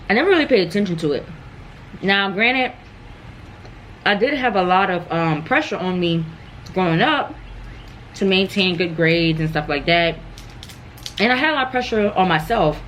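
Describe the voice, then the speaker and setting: A woman's voice: lowish voice, fairly bright tone, a little hiss or hum. A young American woman chatting casually and candidly about herself, rambling and circling back over her phrases as a vlogger. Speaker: mukbang vlogger. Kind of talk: casual personal chat.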